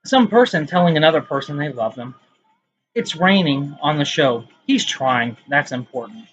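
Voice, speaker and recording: Man, poet reading his own work, casual vlog, self-mocking asides, slightly high voice, dull lo-fi audio. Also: expressive, normal speed, a bit bright. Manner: rambling, self-mocking asides between poems.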